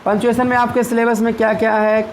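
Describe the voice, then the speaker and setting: A man with a fairly high voice teaches a grammar lesson. He goes step by step with everyday examples and reads example sentences slowly. There is a faint hum of background noise. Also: flat delivery, rough recording. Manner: checks in with "ठीक है" and "clear".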